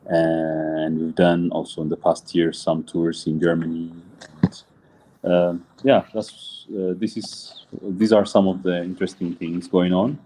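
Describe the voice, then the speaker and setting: A middle-aged man from Ethiopia, a musician and teacher chatting over a video call, halting and full of filler sounds. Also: sits low, level tone, dark tone. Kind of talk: casual interview chat.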